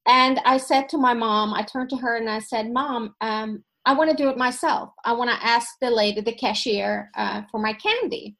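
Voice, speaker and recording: This woman, from Sweden with Finnish as her mother tongue, talks casually as a podcast guest, telling reflective stories with many fillers. Her fairly bright, high-leaning voice moves at a moderate pace with hardly any pauses.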